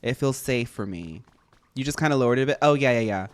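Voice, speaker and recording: Animated, sassy game streamer with swooping voice. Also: mid-range voice, quick pace, no room sound. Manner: animated, swooping expressive delivery; sassy, girly-pop slang. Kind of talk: casual chat while livestreaming a game.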